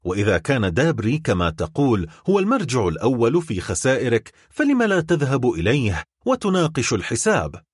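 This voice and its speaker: A man's voice: mid-range voice, huge pitch swings, brisk, hardly any pauses, slightly rough, no room sound, studio quality. A man voicing a proud baroness who answers her husband with scorn and indignation in a storybook reading. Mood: indignant. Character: proud scornful baroness, sharp-tongued wife.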